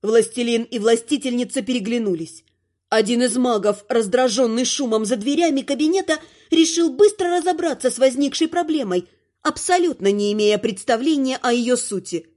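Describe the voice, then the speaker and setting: A woman narrating a fantasy audiobook in an even, expressive storytelling manner. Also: on the high side, moderate pace.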